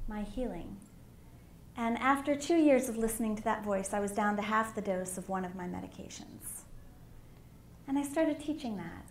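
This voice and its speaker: A middle-aged woman giving a candid, animated personal talk as a conference speaker on a stage microphone. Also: medium pitch. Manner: candid and animated, with emphatic swells. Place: conference hall. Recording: echoey hall with faint room noise.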